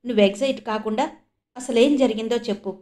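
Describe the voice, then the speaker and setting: A woman's voice: a little high, a little fast, warm tone, lightly acted. A woman narrator voicing an emotional, earnest middle-aged father who asks urgent, pleading questions.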